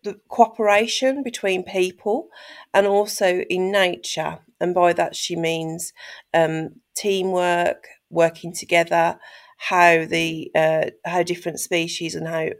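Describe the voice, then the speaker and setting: A man co-producing a podcast, nasal from a cold, explaining in a laid-back, halting way. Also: high voice, flat delivery. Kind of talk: casual chat.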